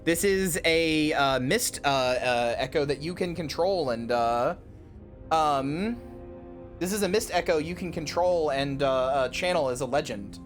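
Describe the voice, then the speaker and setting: A man's voice: on the high side, unhurried, faint music behind. Rambling, foul-mouthed man streaming a game. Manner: rambling, full of fillers, swears and loud outbursts. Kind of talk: casual gameplay commentary.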